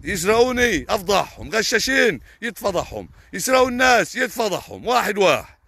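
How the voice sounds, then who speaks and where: A man's voice: high-pitched, very animated, brisk, vocal fry, sharp tone. A young man with an Egyptian Arabic accent, a farmer on a live stream answering viewers' comments in a heated, indignant way with repeated oaths. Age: young adult.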